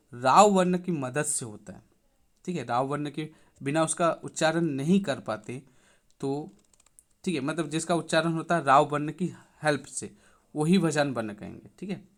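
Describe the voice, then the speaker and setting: Man teaching a grammar lesson. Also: on the high side. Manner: repeats "thik hai" after each point; reads out rules, then explains them slowly. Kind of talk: Hindi exam-prep grammar lesson.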